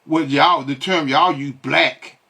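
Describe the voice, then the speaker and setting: Husky-voiced man ranting with rhetorical questions. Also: a little high, steady tone, slow, bright, forceful tone. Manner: keeps asking rhetorical "what?" questions and repeats himself; blunt and scolding, with many stalling fillers. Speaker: online religious commentator. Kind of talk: ranting commentary on video clips.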